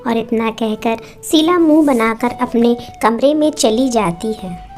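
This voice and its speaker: A woman narrating a moral family story for her channel in a plain, slow manner. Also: fairly high pitch, animated, a little mellow, faint music behind.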